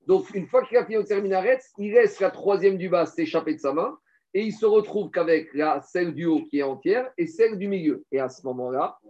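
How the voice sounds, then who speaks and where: A man's voice: high voice, fairly quick. A man teaching a Torah lesson in French mixed with Hebrew terms, asking rhetorical questions and explaining step by step. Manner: lively, rhetorical questions, addresses listeners as Rabotai. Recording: dull lo-fi recording.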